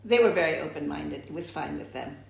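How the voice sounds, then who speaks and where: An older American woman answers oral history interview questions reflectively, often restarting her sentences. Her low, gravelly voice is brisk, and the room sounds echoey.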